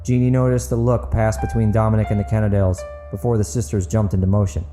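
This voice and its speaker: With music playing behind him, a man who writes fiction and hosts his own podcast narrates like a storyteller addressing listeners. His voice is lowish and quick, with a flat delivery. The clip mixes dramatic audiobook-style narration with a podcast outro.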